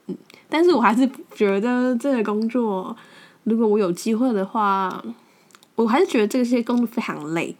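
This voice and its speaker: A woman's voice: a little high, moderate pace, darkish tone. A young woman with a Taiwanese Mandarin accent, hosting a podcast and telling stories in a frank, blunt way, often repeating words as she restarts. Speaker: podcast host. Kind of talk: casual storytelling monologue.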